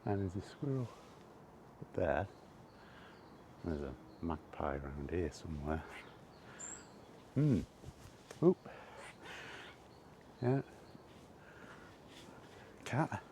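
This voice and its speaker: Low-pitched and animated, a British vlogger drawls his words and leaves long pauses as he wanders a park. His chatter is casual and rambling, somewhat hesitant and mildly grumbling, with plenty of outdoor noise around him.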